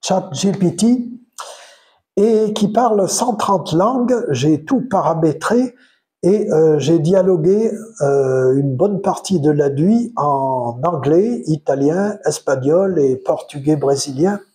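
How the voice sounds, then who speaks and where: Slow, mellow older man from Provence. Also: a little high, expressive. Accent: Provençal French. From France. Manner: hesitant, many pauses and fillers; unhurried, chatty. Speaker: retired commentator. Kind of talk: casual solo monologue.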